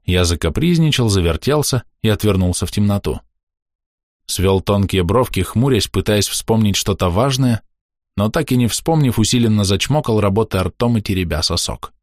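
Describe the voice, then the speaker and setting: A man narrating a first-person novel as an audiobook reader, in steady storytelling. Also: fairly low pitch, moderate pace, no echo, clean studio sound.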